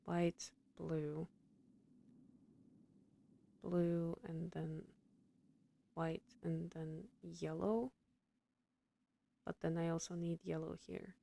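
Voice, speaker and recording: A woman's voice: on the low side, level tone, extremely slow, gravelly, pauses often, warm tone. A woman doing casual gameplay commentary, muttering to herself as she puzzles things out. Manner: muttering to self while puzzling. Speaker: gamer commentating on playthrough. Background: game music.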